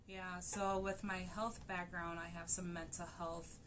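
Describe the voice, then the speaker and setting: Young woman coach, lowish voice. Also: flat delivery, unhurried, noisy background. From Cameroon. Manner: easygoing, laughs often. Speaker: guest relationship coach. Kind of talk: casual interview chat.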